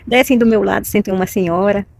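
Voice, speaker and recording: A woman's voice: medium pitch, steady tone, quick pace, gravelly, darkish tone. A middle-aged woman with a Brazilian Portuguese accent, telling a personal story to camera in an emotional, repetitive way, often asking "you know?". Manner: emotional, repetitive, with many tag questions. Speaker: vlogger.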